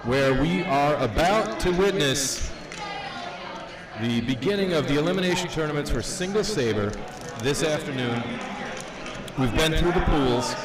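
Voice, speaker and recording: A man commentating live on a sports event as a booming announcer, drawing out his introductions. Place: large hotel event hall. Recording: live event with crowd noise behind.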